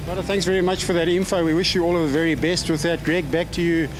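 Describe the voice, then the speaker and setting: High-voiced male pit lane reporter, music behind. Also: level tone, fast talker, rough recording. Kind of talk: live motorsport reporting. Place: outdoor race track pit lane. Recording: music under the voice.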